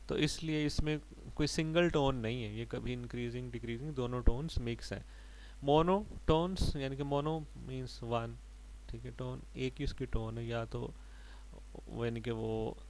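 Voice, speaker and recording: A man's voice: mid-range voice, darkish tone, slight background noise, low-quality recording. A man lecturing on mathematics, explaining each step patiently and checking in with his students as he goes. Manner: explains step by step, mixing English terms and often adding "ठीक है जी". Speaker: maths lecturer. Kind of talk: recorded maths lecture.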